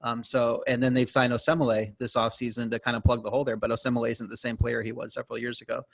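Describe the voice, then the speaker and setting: A man speaking as a guest analyst on a sports betting podcast, laying out his picks in quick, steady talk with fillers. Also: mid-range voice, gravelly.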